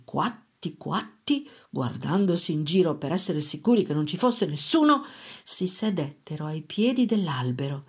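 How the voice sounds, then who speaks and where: A woman reading a fairy tale aloud in a gentle, expressive storybook narration. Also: lowish voice, slightly rough.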